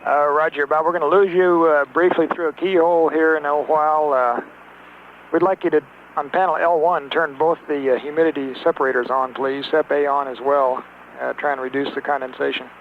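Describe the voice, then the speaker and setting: A man at mission control talking to a spacecraft crew over a narrow-band radio transmission, in clipped, halting radio procedure with many fillers. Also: on the high side, steady tone. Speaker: mission control capsule communicator. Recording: tinny radio link with faint hiss.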